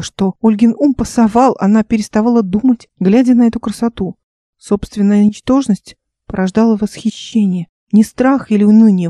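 A woman narrating her own fantasy audiobook in a calm, measured reading. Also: medium pitch, no room sound, studio quality.

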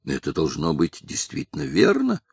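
Gravelly guy doing a grumpy old-time bus conductor, storybook. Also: very deep voice, wildly swooping pitch, moderate pace, a little mellow, no room sound, heavily acted. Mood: dismissive. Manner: dismissive. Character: grumpy male omnibus conductor.

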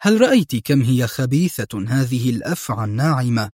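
A man voicing a calm, mocking male secret agent in an audiobook reading. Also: medium pitch, brisk, dry recording, studio quality. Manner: mocking, self-assured. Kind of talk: audiobook narration.

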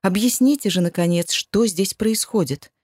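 A woman voicing a panicked, defensive young woman in an audiobook, shrill and nervous. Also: normal speed, darkish tone, slightly rough, no echo, clean studio sound, close to an everyday voice. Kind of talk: audiobook reading.

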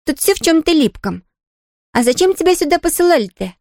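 A woman's voice: very high voice, sing-song, brisk, a little mellow, no room sound, studio quality, pitched above the performer's own voice, exaggerated voice. A woman voicing a teasing older sister who sneers and scolds, in a storybook reading. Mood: annoyed.

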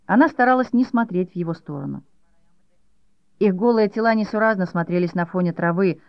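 An audiobook narrator reading a novel in a measured, even storytelling manner. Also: mid-range voice, clear, resonant tone, no echo. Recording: dull dry audiobook recording.

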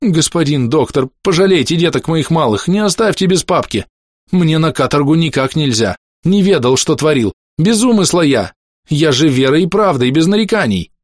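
Man voicing a servile burly orderly, pleading, whining, high-pitched, lively. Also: moderate pace, dry recording, studio quality.

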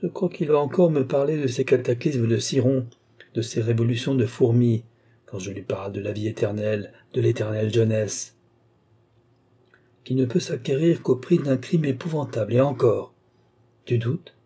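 A man's voice: medium pitch, moderate pace, mellow, breathy edge, natural voice. A man voicing a scornful ancient alchemist. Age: older. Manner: imperious, scornful, rising to fierce outbursts. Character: ancient male alchemist, frail, bedridden, tyrannical. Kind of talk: audiobook character reading.

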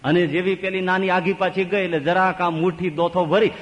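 A man, a swami, telling a story in a sermon, animated and swinging widely between high and low. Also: a little fast, lo-fi sound. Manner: animated, with wide pitch swings. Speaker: swami giving a religious discourse. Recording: long reverb of a large hall.

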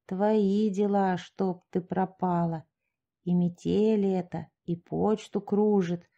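Woman reading as a grumbling sexton man, slow mutter, low, dark mellow tone, audiobook story. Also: fairly even intonation, lo-fi sound. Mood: accusing. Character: gruff suspicious peasant sexton, middle-aged man.

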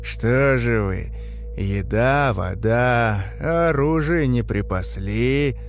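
A man voicing a sadistic, mocking gang leader with a raspy, coughing voice and a slow, taunting drawl. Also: mid-range voice, very animated, a little mellow, soft background music. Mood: mock-tender. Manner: slow, taunting, mock-tender.

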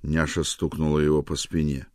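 A man narrating an audiobook with an even, measured delivery. His voice is very low and deep. The recording is close and dry, with no room sound. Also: no room sound. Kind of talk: scripted narration.

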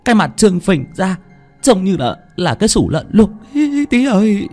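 A man puts on the voice of a terrified old serving woman in a spoken ghost story, her voice climbing high and thin as she stammers. She sounds shaky and strained, far above the reader's own low voice. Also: very animated, very slow, gravelly, soft background music, heavily acted. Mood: frightened. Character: terrified old maidservant woman, shrill and trembling.

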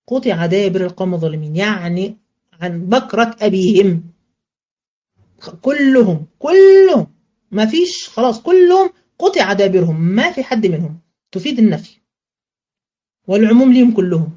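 In colloquial Arabic with an Egyptian accent, a female teacher gives a religious studies lesson, asking questions she answers herself. Her voice is mid-pitched and warm, slowing to a chant when reciting verses, though the recording is muffled.

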